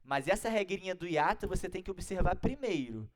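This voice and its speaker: Animated Brazilian male grammar teacher. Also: high-pitched, brisk. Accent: Brazilian Portuguese. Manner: didactic, keeps checking in with listeners. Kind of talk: exam-prep grammar lesson.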